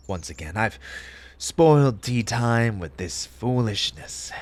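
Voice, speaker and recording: A man voicing a grieving, eccentric March Hare, a mannered gentleman speaking formally and theatrically in an ASMR roleplay, halting with emotion. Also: on the low side. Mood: grieving, faltering. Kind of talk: ASMR roleplay character monologue.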